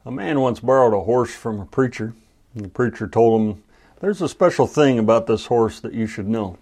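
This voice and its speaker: A man's voice: medium pitch, moderate pace. A male pastor preaching a radio Bible sermon, telling a story and acting out its exclamations. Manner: storytelling with lively acted-out exclamations.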